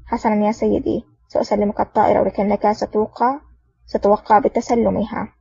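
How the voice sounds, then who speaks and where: A woman's voice: mid-range voice, flat delivery, brisk, vocal fry, dark tone, breathy edge, no echo. A woman voicing a hesitant male airfield officer who speaks in an uncertain, wavering way. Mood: uneasy. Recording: dull lo-fi audio.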